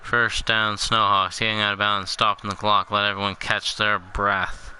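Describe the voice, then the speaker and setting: A young man calling the plays in casual video game commentary, in a flat, monotone and dryly joking way. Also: fairly low pitch, normal speed, slight background noise, rough recording. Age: young adult. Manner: monotone, dry jokey delivery. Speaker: play-by-play commentator.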